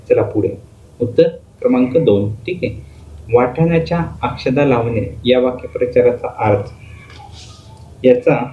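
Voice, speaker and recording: A male teacher giving an exam-prep grammar lesson, explaining step by step by asking questions and answering them himself. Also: mid-range voice. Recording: phone-like lo-fi audio with faint noise.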